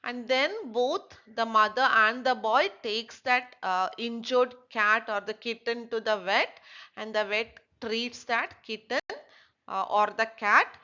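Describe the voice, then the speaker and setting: A woman, teaching a children's textbook lesson slowly and asking and answering her own questions. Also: on the high side, sharp tone, lo-fi sound.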